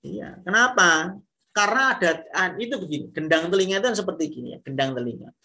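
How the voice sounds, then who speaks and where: A man's voice: high voice, lively intonation, fast, creaky, sharp tone. A man giving a classroom lecture on singing, explaining step by step and posing rhetorical questions to his students. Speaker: music lecturer.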